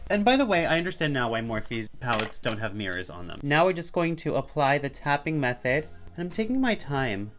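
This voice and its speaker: A man chatting through a beginner makeup tutorial, self-mocking and swinging between loud and soft. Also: big pitch swings, fairly quick, few pauses, faint music behind. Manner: chatty and self-mocking, with big jumps in pitch and loudness. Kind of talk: casual makeup tutorial chat.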